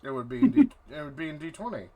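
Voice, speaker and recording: A man narrating a horror tabletop game as game master, halting and dramatic, repeating phrases for effect. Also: high voice, big pitch swings, creaky, highs cut off.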